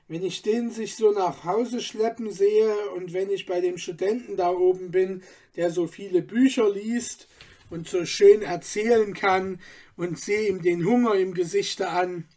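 A man reading a storybook aloud, voicing a kind-hearted poor boy in a soft, earnest, sighing manner. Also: high voice, unhurried.

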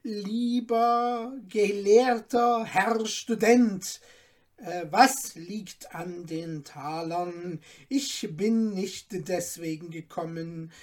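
A woman voicing a young man disguised as a kindly moneylender, speaking slowly and coaxingly, in a storybook reading. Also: medium pitch, a little mellow.

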